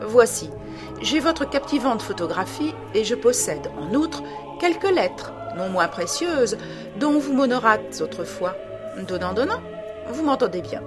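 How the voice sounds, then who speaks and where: A woman's voice: fairly high pitch, sing-song, unhurried, over music. A woman reading aloud, voicing a sinister, corpse-like male blackmailer who taunts with mocking familiarity. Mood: menacing. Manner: sneering, overly familiar, taunting.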